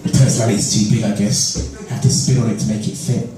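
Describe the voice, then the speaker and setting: A man from London, England, with a London accent and a lowish, steady voice does a fast, conversational stand-up set on a comedy club stage, often laughing at his own jokes. He sounds far from the mic, with roomy echo, faint club ambience, and a crowd in the background.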